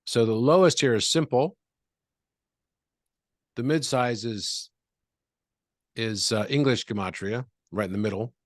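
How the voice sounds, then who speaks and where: A man who is a guest in an interview, calmly explaining things and walking through examples step by step. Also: medium pitch, measured pace, pauses often, no room sound, clean studio sound.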